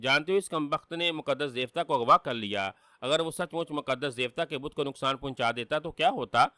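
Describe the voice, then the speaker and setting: A man's voice: a little high, sharp tone, no echo. A man voicing a cruel demon king who roars his commands, in a dry storybook reading. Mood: thundering. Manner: thundering, commanding.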